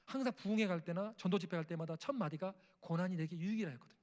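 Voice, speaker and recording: A man's voice: high-pitched, racing, a little mellow. A middle-aged male missionary preaching an emotional testimony sermon in a church, acting out family dialogue and prayers. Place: church sanctuary.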